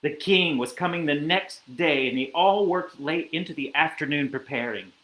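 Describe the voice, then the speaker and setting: A man reading a children's picture book aloud, with animated storytelling and asides to a listener. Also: a little high, normal speed, echoey room, low-quality recording.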